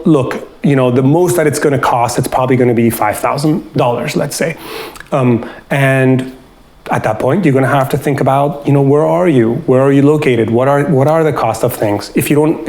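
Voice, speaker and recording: A man with a medium-pitched, darkish voice hosts an informal video as a doctor offering travel health advice. He explains practical tips in a conversational, instructive way, acting out example dialogue to illustrate.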